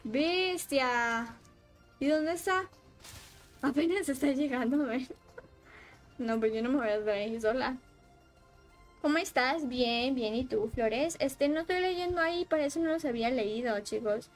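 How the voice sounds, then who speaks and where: Excitable high-voiced woman gaming streamer. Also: unhurried, long pauses, soft background music. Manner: excitable, shrieks and laughs while playing, chats with viewers. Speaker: livestreaming gamer. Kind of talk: casual gaming livestream chat.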